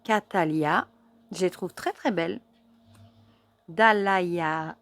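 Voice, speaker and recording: A woman casually reviewing an oracle card deck, chatty and admiring, with many fillers and soft, near-whispered asides. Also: on the low side, takes it slowly, dry recording. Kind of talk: casual show-and-tell review.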